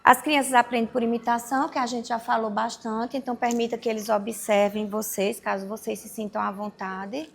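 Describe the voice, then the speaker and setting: A woman educator giving parents practical advice in a relaxed, explanatory talk. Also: fairly high pitch, fairly quick, creaky, few pauses. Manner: warm, explanatory, acts out little scenes.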